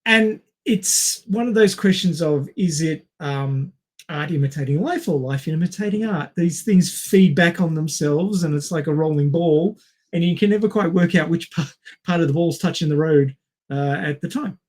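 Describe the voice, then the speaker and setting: On a laid-back movie podcast, a male co-host with a fairly high, darkish voice gives long explanations that drift into tangents, often pausing to search for the next word.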